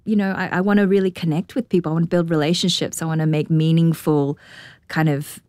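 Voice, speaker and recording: Low-voiced New Zealand woman conductor. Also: level tone, fast talker, darkish tone, no echo, studio quality. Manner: thoughtful, asks herself rhetorical questions. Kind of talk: radio interview.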